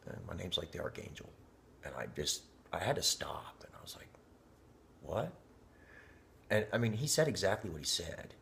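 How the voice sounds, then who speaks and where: A man's voice: deep voice, big pitch swings, brisk, vocal fry, fairly bright tone, a little hiss or hum. A man telling a personal story in a casual, rambling way, often dropping to a near whisper. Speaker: vlogger. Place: inside a parked car.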